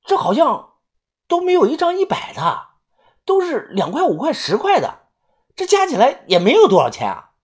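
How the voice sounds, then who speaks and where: A woman voicing a brash, crude, excitable young treasure digger in an audiobook, talking loud and whiny. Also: high-pitched, normal speed, pitched above the performer's own voice. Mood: excited. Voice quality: coarse, swearing. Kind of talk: audiobook character voice.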